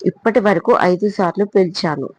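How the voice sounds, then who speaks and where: A woman's voice: on the low side, normal speed, natural voice. A woman voicing a playful, bold young heroine in a spoken audio story. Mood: teasing. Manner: teasing, spirited.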